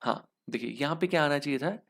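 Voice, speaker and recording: Fast and creaky, his voice sits on the high side with a fairly bright tone. The young man, who has an Indian English accent, walks through exam answers in Hinglish step by step, quizzing himself aloud and replying.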